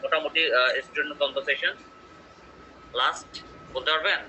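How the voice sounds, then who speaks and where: Bright-voiced man teaching online. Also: fairly high pitch, steady tone, normal speed, dull audio, a little hiss or hum. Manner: conversational, checks in with students often. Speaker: English teacher. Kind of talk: online pronunciation class.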